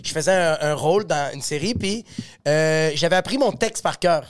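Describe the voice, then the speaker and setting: A man's voice: a little high, lively intonation, moderate pace. Quebec french guy, slangy casual storytelling, acts out what everybody said. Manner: slangy, acts out quoted dialogue. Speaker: actor on a talk panel. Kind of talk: casual chat, telling anecdotes.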